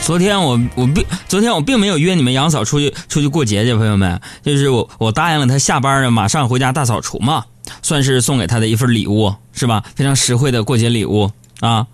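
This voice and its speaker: A man's voice: mid-range voice, animated, quick pace, no room sound, faint music behind. Teasing male radio host. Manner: chatty, teasing the listeners. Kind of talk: live comedic radio monologue.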